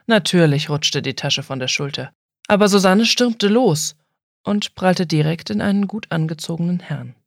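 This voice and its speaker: Woman reading a novel aloud, calm and even, dry close studio sound. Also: fairly low pitch, moderate pace, creaky, no echo. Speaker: audiobook narrator. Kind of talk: scripted narration.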